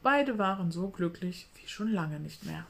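A woman calmly reading a children's book aloud. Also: lowish voice, measured pace, creaky.

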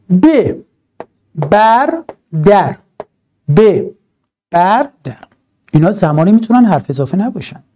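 A man teaching a grammar lesson for exam prep, talking in an animated, emphatic way with drawn-out stresses and rhetorical asides. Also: high-pitched.

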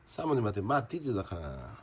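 A man's voice: on the low side, huge pitch swings, moderate pace, slightly rough. A man with a Gyeongsang accent chatting through a demonstration of his fishing gear. He banters with himself, asking questions and then answering them. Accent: Gyeongsang Korean. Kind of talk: casual product demonstration.

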